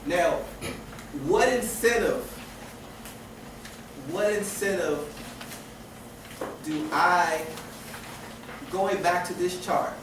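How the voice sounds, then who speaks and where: A man with a high voice lectures a class very slowly, leaving long pauses, repeating and restarting phrases and asking rhetorical questions. The room is echoey, with noise in the far distance.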